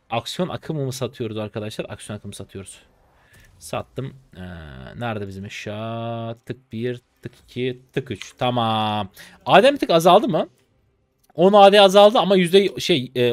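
A man in his twenties from Turkey, a streamer commentating his game live in an excitable, chatty way, talking to his viewers and teasing opponents. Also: medium pitch, dry recording. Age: 20s. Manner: excitable, chatty, talks to chat, bursts of laughter and teasing.

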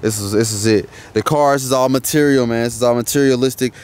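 A young man talking fast and straight to his viewers in a casual vlog, outdoors by a car. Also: mid-range voice, darkish tone, clean tone. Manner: fast, talks straight to viewers, calls them y'all. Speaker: vlogger.

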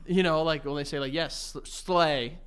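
A man's voice: a little high, fairly even intonation, normal speed, fairly bright tone, slight background noise. A young man co-hosting a podcast, teasing and crude in casual banter, laughing often. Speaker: podcast co-host.

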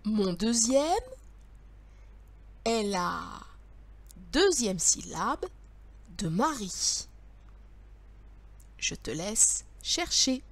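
A woman's voice: medium pitch, big pitch swings, drawn-out words, long pauses. A woman teacher leading young children through word riddles, patient and sing-song, speaking straight to the child.

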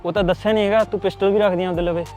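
Actor as an anxious young job seeker, high-ish voice, fretful, panicky, faint music. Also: male voice, steady tone, very fast, darkish tone, lightly acted. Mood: probing. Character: anxious young man late for a job interview. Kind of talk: Punjabi short film acting.

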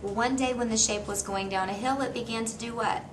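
With a fairly high, fairly even voice, a middle-aged teacher reads a little fast as she shares a storybook with a kindergartener, prompting with questions and encouragement. It takes place in a small classroom reading corner indoors. A camera a few meters away records it, so the audio is noisy and distant.

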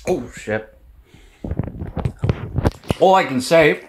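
A man's voice: a little high, expressive, extremely slow, gravelly, background noise. A man reviewing candy in a casual vlog, talking with his mouth full, chewing between words and swearing freely. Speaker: vlogger. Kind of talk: casual taste-test vlog.

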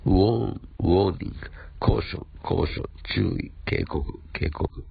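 A man's voice: deep voice, drawn-out words, vocal fry, slightly rough, narrow, tinny audio. A man with a Japanese accent teaching an English vocabulary lesson, repeating words and spelling them out letter by letter.

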